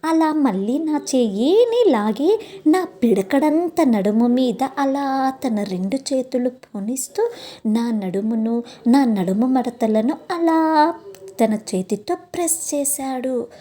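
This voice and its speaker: This woman's voice is high-pitched and unhurried as she recounts a first-person love story for her channel. She addresses the audience head-on, speaks with expression and acts out what each person says.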